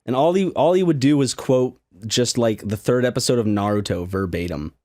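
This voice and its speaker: A man's voice: medium pitch, normal speed, warm tone. A man co-hosting a gaming channel, telling absurd stories in a hesitant, stammering way. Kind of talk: improvised banter while gaming.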